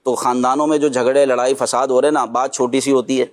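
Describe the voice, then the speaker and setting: A man hosting a religious discussion, gently advising and telling anecdotes. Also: mid-range voice, level tone.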